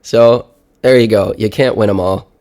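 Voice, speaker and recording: A man's voice: lowish voice, fairly even intonation, moderate pace, darkish tone. A 30-year-old man, sick and congested, sounding nasal as if his nose were pinched, talking casually in a personal audio diary. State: sick with a stuffy head cold. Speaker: podcast segment host.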